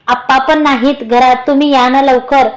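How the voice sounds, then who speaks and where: A woman's voice: high voice, steady tone, normal speed, lightly acted. A woman voicing a frightened, pleading young wife. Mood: urgent. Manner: urgent, pleading.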